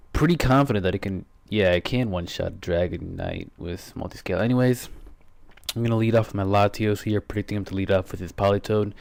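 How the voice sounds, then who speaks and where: Slightly breathless, this teenage gaming YouTuber narrates an online game battle in a rambling way, correcting himself and dropping quick asides. His voice is fairly low, creaky and darkish, yet clear and resonant, and the recording is dry.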